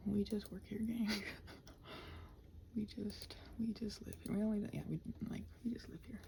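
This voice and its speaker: A woman hosts a rambling ASMR body-doubling work session, muttering to herself, often half-whispering, as a computer keyboard clicks in the background over faint noise. Her gravelly voice sits mid-range, with fairly even intonation at a normal speed.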